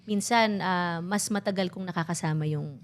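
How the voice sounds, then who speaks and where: A woman's voice: lowish voice, moderate pace, a little hiss or hum. Candid, reflective woman mixing in English. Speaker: podcast guest. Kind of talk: emotional casual chat.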